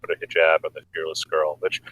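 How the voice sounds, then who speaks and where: A man's voice: rumbling low, monotone, fast talker, fairly bright tone, rough recording. A man co-hosting a podcast, explaining news stories in a wry way with many hesitations. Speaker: podcast co-host. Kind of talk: casual political chat.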